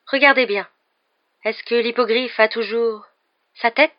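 A man voicing a fussy female seer teacher, speaking softly in a breathy murmur. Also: extremely high pitch, steady tone, a little slow, muffled recording, pitched above the performer's own voice. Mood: murmuring, ominous.

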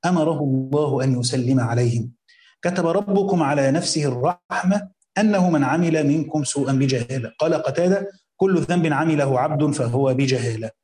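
A man with an Egyptian Arabic accent reads a classical religious commentary aloud, voicing the text slowly before explaining it in casual, colloquial asides. His voice is fairly high in pitch and warm, with a reverberant sound.

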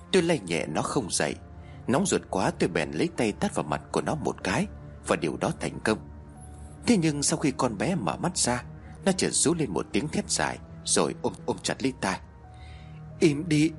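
A man narrating a horror story aloud, with expressive, varied delivery. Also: fairly low pitch. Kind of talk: dramatic horror story reading. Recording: soft music underneath.

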